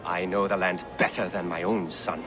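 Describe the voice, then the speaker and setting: Over music, an actor lends a low, level, lightly acted voice at normal speed to an older character in a video game cutscene. The figure is a deluded, proud Saxon man, fretful and wandering-witted, whose rambling, grandiose speech carries a grandly welcoming mood.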